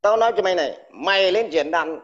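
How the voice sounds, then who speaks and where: An army veteran rants furiously on a livestream, combative and hurling crude insults at the listener. His pitch is somewhat raised, his delivery animated, quick and a bit bright, and he stutters over repeated words when worked up. The recording sounds dull and lo-fi.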